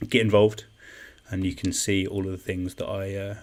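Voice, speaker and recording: A man's voice: sits low, flat delivery, moderate pace. A young man hosting an online quiz in a chatty, self-deprecating way, reading out comments and repeating each question. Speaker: quiz host. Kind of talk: casual live-stream quiz hosting.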